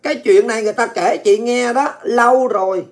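A woman delivering angry political commentary, ranting abusively and often shouting. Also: fairly high pitch, fairly quick. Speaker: political vlogger.

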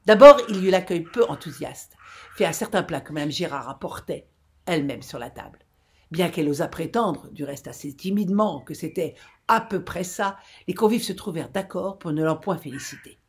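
Brief: woman reader doing a gruff old captain, husky voice, grave and quick to roar. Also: fairly low pitch, lively intonation. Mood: grim. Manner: grave, growling, bursts into angry shouts. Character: grim, hot-tempered old sea captain telling a horror tale.

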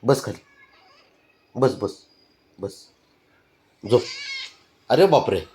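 A man's voice: medium pitch, expressive, extremely slow, dark tone, slight background noise. A man talking to his pet cat in a coaxing, teasing way, laughing often in casual baby talk at home.

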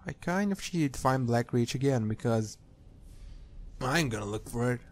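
A man's voice: medium pitch, expressive, measured pace. A man giving casual, sweary playthrough commentary, reacting aloud as he plays a game. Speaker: gamer. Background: game music.

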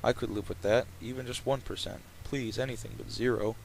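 Male gamer narrator, medium pitch, reading story text with offhand commentary, noticeable background noise. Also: steady tone, fairly quick, darkish tone, low-quality recording. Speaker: let's player reading a visual novel aloud. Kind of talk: reading game text aloud with casual asides. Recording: clear background noise, game ambience.

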